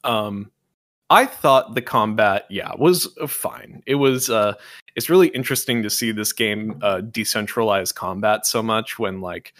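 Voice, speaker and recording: A man with a lowish voice co-hosts a casual gaming podcast. He rambles and fills his sentences with "like" and "uh", and he steers the chat with questions. His voice is recorded dry, with no room sound. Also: unhurried, a bit bright, no room sound. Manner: rambling, heavy use of "like" and "uh"; leads the discussion with questions. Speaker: podcast co-host.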